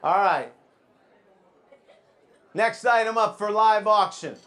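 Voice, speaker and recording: A man's voice: high-pitched, takes it slowly, fairly bright tone, a faint crowd. A man working as a live auctioneer, calling out bids to a room and teasing the bidders like a showman.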